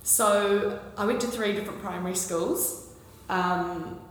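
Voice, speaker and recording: A woman's voice: mid-range voice, steady tone, measured pace. Kiwi woman talking in an echoey room. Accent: New Zealand. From New Zealand. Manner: chatty, with frequent ums and likes. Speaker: podcast guest. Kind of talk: casual conversational interview. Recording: echoey room with long reverb and faint hiss.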